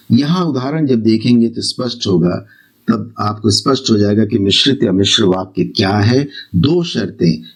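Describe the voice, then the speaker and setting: A man teaching a grammar lesson, explaining slowly, repeating key terms and asking his students questions. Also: mid-range voice, a little mellow.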